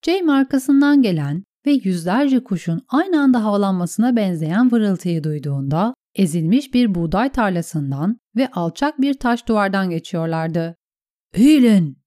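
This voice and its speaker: Brief: woman audiobook narrator, mellow dark tone, dry close sound, steady. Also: mid-range voice, normal speed, few pauses, no echo. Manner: steady storytelling.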